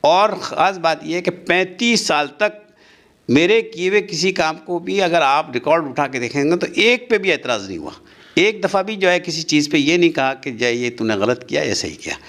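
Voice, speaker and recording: A man's voice: on the high side, expressive, moderate pace, a bit bright. An older man, answering interview questions in an earnest, insistent way as an official of a university society. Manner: earnest, insistent, defends himself at length.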